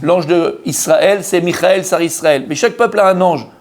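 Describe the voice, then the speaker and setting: A man teaching a lively religious class to a room of men, asking questions and answering them himself, mixing Hebrew terms into his French. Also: sits high, normal speed. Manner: acts out the story's characters, mixes Hebrew terms into French.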